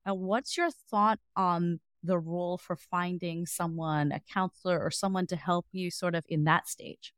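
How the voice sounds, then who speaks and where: Woman host, thirties, low-pitched, dry close mic, affirming interviewer. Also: fairly even intonation, moderate pace, few pauses, clean tone, dry recording. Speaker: podcast host. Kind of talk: conversational podcast interview.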